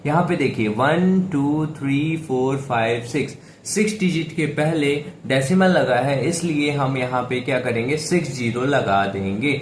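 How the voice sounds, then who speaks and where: A man's voice: mid-range voice, unhurried, hardly any pauses. A man teaching a math lesson step by step. He talks patiently and keeps asking and answering his own questions. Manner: patient, repeats questions to the viewer, says "theek hai" often. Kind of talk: step-by-step classroom explanation. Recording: echoey room with faint background hiss.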